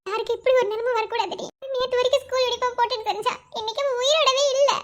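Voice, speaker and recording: A voice artist playing a sensible, caring teenage schoolgirl in a cartoon, calm and reasonable. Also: extremely high pitch, rapid-fire, a little hiss or hum. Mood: grieving. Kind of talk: cartoon voice acting.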